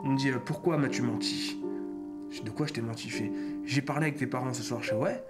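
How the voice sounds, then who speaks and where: Animated man storytelling over loud music. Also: medium pitch, rapid-fire. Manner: animated, acts out dialogue, self-mocking. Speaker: YouTuber. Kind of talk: casual storytelling to camera. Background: loud background music.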